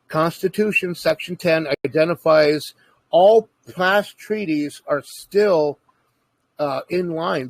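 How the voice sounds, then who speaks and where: A man's voice: fairly high pitch, no echo. A man in casual conversation, earnestly explaining his views at length in a lecturing way.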